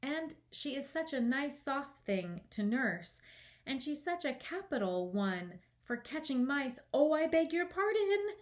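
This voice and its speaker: A woman's voice: sits high, sing-song, measured pace, pitched above the performer's own voice. A woman voicing an eager, polite young girl who chatters earnestly and apologises readily, in a children's storybook reading.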